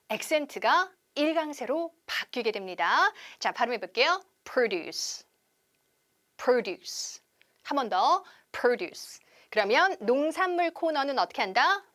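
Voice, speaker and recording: A woman teaching English conversation on a TV lesson, drawing out each model word slowly for viewers to repeat. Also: sits high. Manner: lively teacher, slow drawn-out model English words for repeating.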